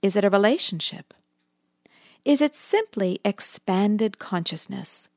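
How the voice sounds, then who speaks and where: Slow, soothing woman guiding meditation. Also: mid-range voice, animated. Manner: soft, soothing, slow delivery with long pauses. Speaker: meditation guide. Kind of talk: guided meditation narration. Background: background music.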